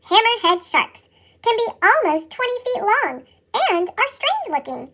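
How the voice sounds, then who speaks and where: Chipmunk-effect reader, squeaky and very high, lively sing-song read-aloud. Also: measured pace. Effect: sped-up chipmunk voice. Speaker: storybook reader. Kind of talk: reading a nonfiction picture book aloud.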